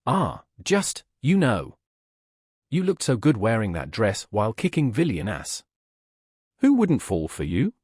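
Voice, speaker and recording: A man voicing a warm, emotional young woman who gushes and apologizes, with a husky voice. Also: on the low side, wildly swooping pitch, a little slow, no room sound, studio quality, heavily acted.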